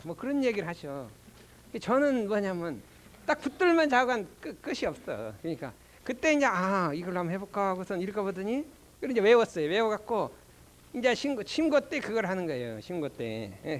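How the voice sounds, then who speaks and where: An older man, a Won Buddhist minister, giving a doctrine lecture with animated storytelling and rhetorical questions. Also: sits high. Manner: slow chanting recitation of prayer.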